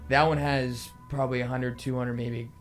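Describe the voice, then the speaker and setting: A man's voice: medium pitch, little pitch movement, normal speed. A man chatting casually as a pipe tobacco reviewer, hesitating and correcting himself as he goes. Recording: music playing behind.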